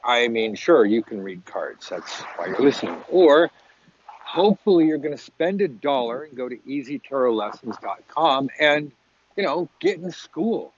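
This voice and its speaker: A man's voice: mid-range voice, expressive, normal speed. A man hosting a podcast outdoors at a beach, chatting casually in a rambling, joking, informal way with wind on the mic. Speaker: podcast host and tarot teacher. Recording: dull lo-fi audio, wind on mic. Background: wind noise.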